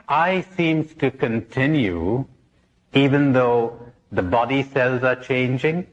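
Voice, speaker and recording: A man's voice: a little high, a bit bright, dull audio. A man, a priest, giving a spiritual conference talk, posing questions and repeating key words for emphasis, with jokes woven in.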